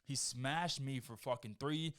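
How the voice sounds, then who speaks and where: A man's voice: mid-range voice, a little slow, fairly bright tone, smooth. A man guesting on a podcast in casual chat, laid-back and swearing freely.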